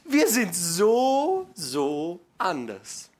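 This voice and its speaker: A middle-aged man preaching a sermon to his congregation, folksy and joking, dropping to hushed asides and then building to loud, emphatic passages. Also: high-pitched, huge pitch swings, drawn-out words. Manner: folksy, joking, addresses listeners directly.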